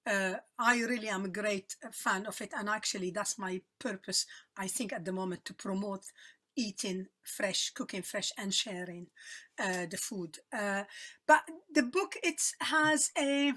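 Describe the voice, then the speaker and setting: A woman with a Lebanese accent, a cookbook author chatting in an interview, expressive and good-humoured, often laughing. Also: mid-range voice, measured pace. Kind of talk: casual interview chat.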